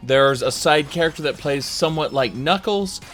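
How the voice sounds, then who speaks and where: A man with a fairly high, slightly bright voice reviews a video game while music plays underneath. He talks informally and conversationally, using emphatic phrasing and dramatic pauses.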